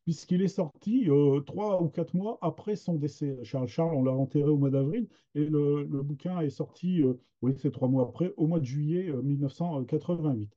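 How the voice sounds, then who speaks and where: A man lectures on a video call in a dark, mellow voice pitched a little high. He talks unscripted, circling back with fillers and restarts. The sound is dull and lo-fi. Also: moderate pace, few pauses. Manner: hesitant, many fillers and restarts. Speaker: webinar presenter on regional literature. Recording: dull lo-fi webinar audio.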